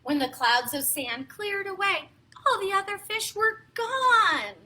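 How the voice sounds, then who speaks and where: Female children's storyteller, very high voice, slow expressive pacing, playful read-aloud delivery. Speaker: children's storytime host and reader.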